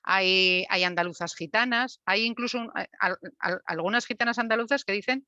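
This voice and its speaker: A woman's voice: mid-range voice, moderate pace, sharp tone, dry recording. A woman hosting and interviewing on a video call, asking questions with hesitant, repeated words. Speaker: event host and interviewer. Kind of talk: moderating an online talk. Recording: dry lo-fi video call audio.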